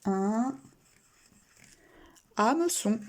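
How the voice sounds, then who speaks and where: A woman teaching a recorded primary school reading lesson, talking slowly and deliberately and spelling out letters and sounds one at a time. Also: on the high side, animated.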